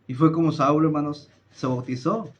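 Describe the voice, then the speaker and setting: A man preaching a Bible study, slowly stressing his points, often addressing his listeners as brothers and reading scripture aloud. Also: on the high side, steady tone, lo-fi sound. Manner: slow deliberate emphasis with some filler hesitations. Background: greets a viewer by name, live stream.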